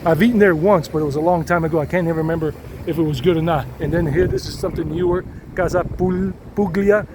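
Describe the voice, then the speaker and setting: A middle-aged man with a fairly high, steady voice talks quickly as he walks a city street, narrating a tour as a vlogger. He rambles chattily and switches into Spanish with locals, with traffic and street noise all around.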